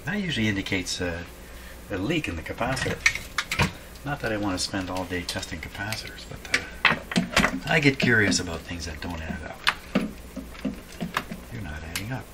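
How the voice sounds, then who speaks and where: The host of a radio repair video, a man with a deep voice and lively intonation, muses through his hands-on bench work as though thinking aloud. He's relaxed and unhurried with a dry wit, recorded in an indoor home workshop with clear background noise.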